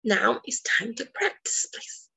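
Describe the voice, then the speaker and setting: A woman whose first language is Spanish teaches a pre-recorded English lesson. She speaks very slowly and deliberately, drilling single words one after another. Her fairly high voice has a gravelly, creaky edge. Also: pushed and bright.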